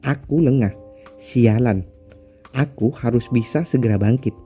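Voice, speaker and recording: A man's voice: medium pitch, measured pace, dark tone, soft background music, natural voice. A man voicing a fierce, cocky young male hero in a storybook recap, defiant and boastful.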